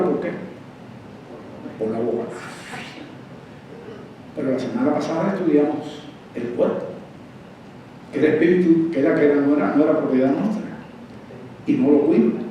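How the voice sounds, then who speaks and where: A man of about seventy preaching a sermon as pastor, shifting from quiet confession to emphatic exhortation. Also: highs cut off. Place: church sanctuary. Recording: echoey church hall, mic at a distance, faint rumble.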